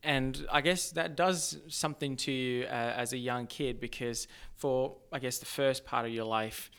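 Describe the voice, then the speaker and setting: A young man from Zimbabwe raised in Australia, chatting as a guest in a thoughtful, halting way. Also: mid-range voice, steady tone, fairly bright tone, clear, resonant tone. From born in Zimbabwe, raised in Australia. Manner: thoughtful, halting, many restarts. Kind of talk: casual podcast chat.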